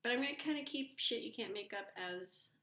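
Bright-voiced woman, echoey room. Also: fairly high pitch, fairly quick. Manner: laughs often, trailing restarts. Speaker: podcast host. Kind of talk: casual chat. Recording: echoey room, faint noise.

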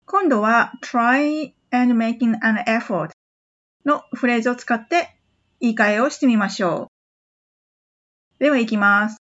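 Podcast english teacher lady, slightly high pitched, walks through phrases step by step, kinda muffled audio. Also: a bit bright. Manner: patient, repeats phrases slowly for practice.

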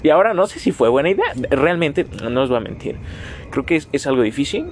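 A man's voice: fairly high pitch, expressive, fast talker, slight background noise. A nineteen-year-old man with a Mexican Spanish accent hosting a casual solo podcast, rambling, self-mocking and swearing freely as he talks straight to his listeners. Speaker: podcast host.

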